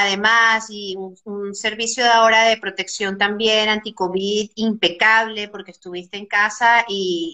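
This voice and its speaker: A Venezuelan woman hosting an interview, encouraging her guest and praising her warmly. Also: mid-range voice. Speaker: podcast host.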